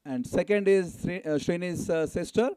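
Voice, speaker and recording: A smooth, high male voice, a little mellow, at normal speed. He is the announcer and fundraiser at a temple, speaking live to a gathering at a temple event and exhorting the community to respond to his fundraising announcements.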